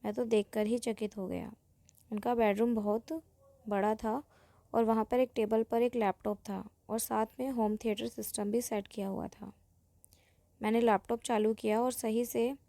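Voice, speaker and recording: A woman's voice: on the high side, gravelly, mellow, no echo. A woman narrating a story in the first person, in a plain conversational storytelling way.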